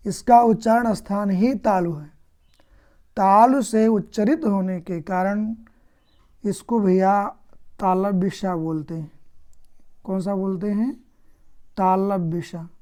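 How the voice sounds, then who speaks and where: Woman teacher, slow and patient, mellow low-key tone, asks and answers her own questions. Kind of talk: grammar lesson.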